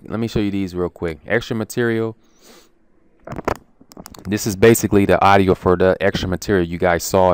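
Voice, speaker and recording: A man with a low, creaky yet smooth voice casually walks viewers through his language course materials in a screen-share walkthrough. He's informal and chatty, with lots of ums and restarts. The recording is dry.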